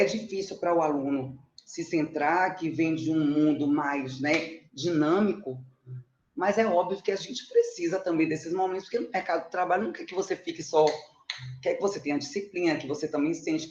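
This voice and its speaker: Over muffled, roomy call audio with slight background noise, a mathematics teacher from Salvador presents her research indoors via an online conferencing platform. Her Bahian Brazilian Portuguese accent colors a low, darkish voice delivered at a moderate pace. This middle-aged woman keeps things informal and chatty, pokes fun at herself, and regularly checks with her audience.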